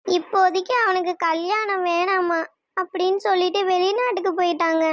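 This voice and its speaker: Woman doing a worried cartoon mom, high voice, fussing and anxious, dry sound. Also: fairly even intonation, moderate pace, no echo, highs cut off. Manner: fretful, anxious. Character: worried middle-aged mother, warm and fretful.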